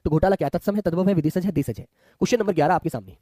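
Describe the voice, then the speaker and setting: Fast, high-voiced teacher. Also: male voice, warm tone, dry recording, studio quality. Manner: chatty, calls students "my children" and asks them to answer. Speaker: exam coaching teacher. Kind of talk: live online class.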